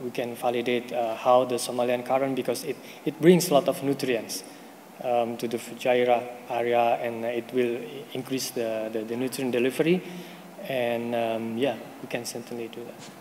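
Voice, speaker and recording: Level in tone and a little mellow, his mid-range voice moves at a moderate pace as he, a researcher, presents technical work and answers questions in a conference hall. Many fillers and restarts mark his hesitant delivery, with hall reverb and faint noise in the recording.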